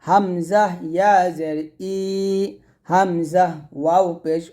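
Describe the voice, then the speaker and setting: A man from Bangladesh teaching Quran reading, spelling out letters and vowel marks slowly in drills before speaking more quickly to his viewers. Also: high voice, steady tone, warm tone. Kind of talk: slow drilled recitation lesson.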